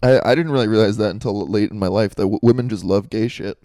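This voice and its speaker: A man's voice: lowish voice, fast talker, mellow, dry recording, clean studio sound. A man co-hosting a casual comedic podcast, laid-back, joking along and laughing easily. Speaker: podcast co-host.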